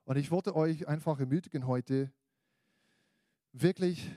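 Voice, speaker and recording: An unhurried, mellow voice on the higher side belongs to a pastor heard in a dry, studio-quality recording. A native English speaker with an American accent in German, he delivers an informal evangelical sermon, speaking directly to listeners in colloquial terms.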